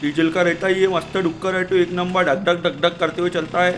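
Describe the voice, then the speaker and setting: A man hosts comic gameplay commentary in a slightly high, playful voice. He jokes like a street seller and breaks into sudden shouted calls. Loud game sounds run underneath him. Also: steady tone, brisk, a little hiss or hum. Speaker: gaming channel host.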